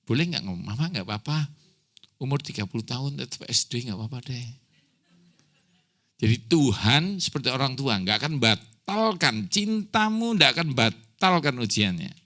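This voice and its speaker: A man's voice: mid-range voice, sing-song, moderate pace, bright, forceful tone. A man preaching a sermon as pastor, telling a personal story with acted dialogue, close to tears.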